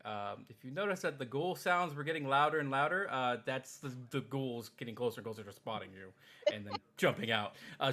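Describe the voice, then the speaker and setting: A man's voice: medium pitch, bright, forceful tone. A man narrating a tabletop role-playing game as game master, casual and rambling.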